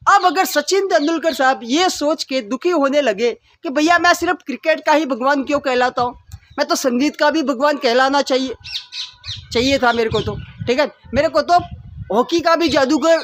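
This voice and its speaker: A man's voice: very high-pitched, fairly bright tone. A man telling a motivational story in a conversational way, addressing the listener politely. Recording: noisy recording.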